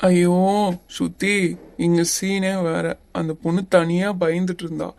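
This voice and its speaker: A woman voicing a calm, teasing young male hero in a cartoon series. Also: fairly low pitch, measured pace, vocal fry, dry recording. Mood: annoyed. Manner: teasing, patient, a little bossy. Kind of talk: Tamil cartoon series voice acting.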